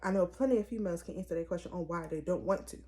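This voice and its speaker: Young woman host, warm lowish voice, animated and opinionated casual chat. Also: rapid-fire. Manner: animated, opinionated, lots of "like" and "it's like". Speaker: vlogger host.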